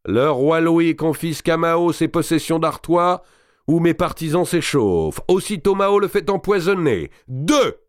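A man reading an audiobook and voicing a boisterous, crude, scheming giant nobleman who talks loudly, mocks and laughs often. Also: on the high side, no room sound, clean studio sound, pitched above the performer's own voice. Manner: loud, mocking, bawdy, with bursts of laughter. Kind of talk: audiobook reading of a historical novel.

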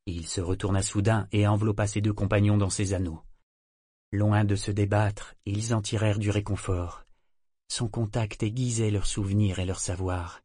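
A man reading an audiobook in an even, measured storytelling manner. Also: lowish voice, husky, no echo, studio quality. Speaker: audiobook narrator. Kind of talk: scripted narration.

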